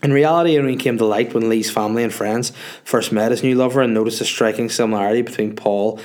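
Fast-talking and a little mellow, this man keeps a steady tone in his mid-range voice as he hosts a podcast while sniffly with a cold. He rambles, swears, and answers listeners' questions in a casual, blunt way.

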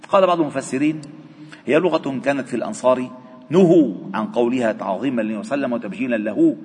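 A man with a Lebanese accent teaching a religious lesson in a mosque. He reads a classical text formally and explains it in lively colloquial asides. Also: medium pitch, racing. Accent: Lebanese Arabic. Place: mosque prayer hall. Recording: long reverb of a mosque hall.

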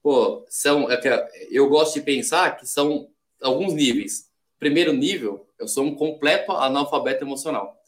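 A man's voice: fairly high pitch, moderate pace. Brazilian man explaining in a casual podcast. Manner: explains in steps, acts out quoted examples. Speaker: podcast guest, sales development rep.

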